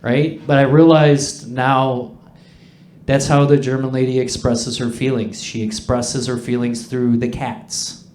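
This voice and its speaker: Guy doing standup in an echoey pub, sweary chatty dark jokes to the crowd. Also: mid-range voice, level tone, a little slow, slight background noise. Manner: crude, profane, conversational delivery. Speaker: stand-up comedian. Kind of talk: stand-up comedy routine to a live audience. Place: indoor pub comedy stage. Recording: echoey live comedy room.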